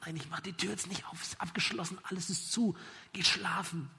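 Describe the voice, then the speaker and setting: A man playing a hushed, grumbling tired father. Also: high voice, steady tone, brisk, slight background noise. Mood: grumpy hushed. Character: tired grumpy father woken in bed.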